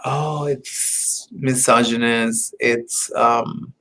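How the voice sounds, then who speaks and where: Male vlogger, very slow and halting, rambling chat with whispered asides, mid-pitched voice. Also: steady tone, creaky, a bit bright, rough recording. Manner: halting, meandering, many fillers and restarts; drops to muttered, whispered asides. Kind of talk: casual rambling monologue.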